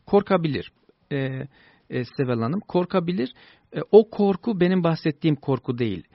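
Man, gravelly voice, slightly high, reassuring advice host, dull dry lo-fi broadcast sound. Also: brisk, no room sound. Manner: reassuring, explanatory, with lively stressed peaks. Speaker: radio advice host, child-rearing expert. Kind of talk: advice show answering listener emails.

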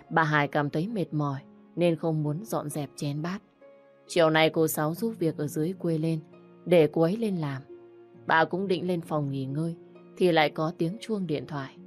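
Low-voiced woman narrating a story.

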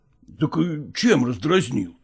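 A man playing a pragmatic older merchant father who coaxes his daughter in a dramatized reading, with a husky, gravelly voice and folksy persuasion. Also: mid-range voice, sing-song, takes it slowly, exaggerated voice. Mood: coaxing.

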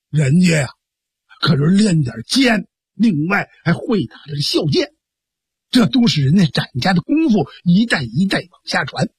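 A storyteller telling a traditional story in a lively, colloquial, dramatic way. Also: mid-range voice, breathy edge, no room sound, clean studio sound.

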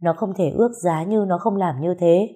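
A woman's voice: on the low side, moderate pace, dark tone. A woman reading a family drama aloud as a storyteller, giving the arguing characters raised, heated voices. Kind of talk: scripted story narration.

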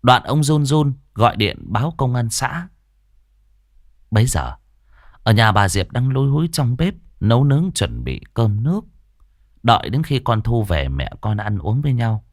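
A man's voice: medium pitch, normal speed, dry recording. A man narrating a ghost story dramatically. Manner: dramatic, expressive. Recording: dry studio voice with faint music.

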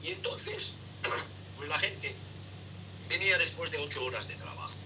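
A middle-aged man, a sailing instructor, answering interview questions in a halting way, full of fillers and tag questions. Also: on the high side, huge pitch swings. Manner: halting, many fillers and repeated "¿eh?". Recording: distant noisy remote line.

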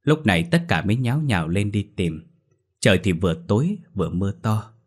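Guy reading a scary story, lowish voice, steady. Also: brisk. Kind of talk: scripted horror story narration.

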